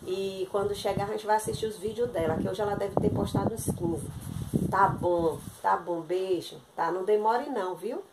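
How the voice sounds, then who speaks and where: A woman content creator acts out a one-sided comic phone sketch, sounding chatty, pleading, and exasperated. Her voice is medium-pitched at a moderate pace. The room is echoey with loud background noise.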